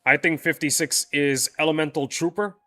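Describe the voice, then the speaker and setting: During a game livestream, a young man talks casually with viewers and often begins sentences again. His voice sits on the high side, sharp in tone, at normal speed, over faint background music.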